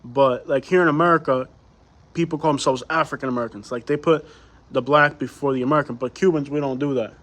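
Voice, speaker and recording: A Cuban man, a native Spanish speaker, hosts a livestream and chats casually with viewers, answering their live comments and tossing out plenty of rhetorical questions. His voice sits at a medium pitch, steady and fairly bright, and he talks quickly.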